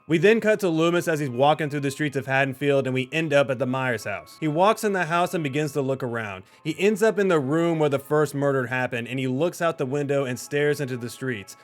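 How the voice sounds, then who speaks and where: A man narrating his own movie script in a casual, conversational way, with small restarts. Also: on the high side. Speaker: video creator.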